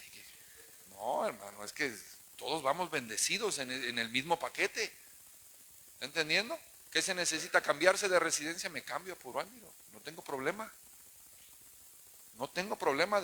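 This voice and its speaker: A Mexican pastor preaches with fervent emphasis, his voice sitting a little high for a man and ringing bright and forceful. He keeps pressing the congregation with questions to check that they are following him. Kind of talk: sermon.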